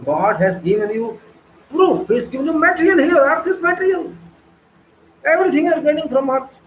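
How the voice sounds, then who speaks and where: A man's voice: very high-pitched, expressive, moderate pace, roomy sound, a little hiss or hum, rough recording. A man giving an online engineering lecture, preaching emphatically with rhetorical questions and repeated phrases.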